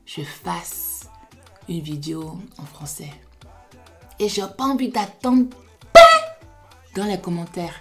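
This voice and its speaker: A young woman with a Beninese French accent gives a casual makeup tutorial in a fairly low voice. She talks in a chatty way and slips English phrases into her French, with a little music faint in the background. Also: darkish tone. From Benin, raised in the United States. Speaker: beauty vlogger.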